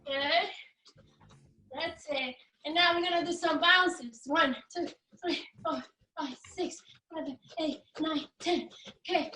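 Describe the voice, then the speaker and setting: A woman coach with a very high voice gives exercise instructions at an unhurried pace. She repeats short commands and encourages as she goes. The recording is roomy and distant, with faint music behind. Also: pushed and bright. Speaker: gymnastics coach leading a warm-up.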